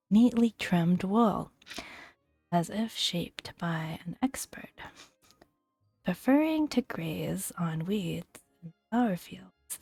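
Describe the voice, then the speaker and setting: Speaking softly with breathy, near-whispered tones, a woman hosting a gaming video reads out game entries and slips in small remarks. She sits on the lower side and takes her time, letting long gentle pauses fall between phrases. The sound is close and dry with no room sound, and faint music plays beneath.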